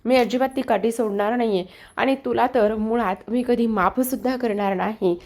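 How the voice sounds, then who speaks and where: A hurt young wife hammers a man with repeated questions about his lies, her voice sitting slightly high and her tone reproachful throughout; a woman narrator puts her on while retelling a TV serial episode. The delivery stays close to an everyday speaking voice. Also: steady tone, moderate pace, darkish tone, lightly acted. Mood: tearful, furious. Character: hurt angry young wife accusing a liar.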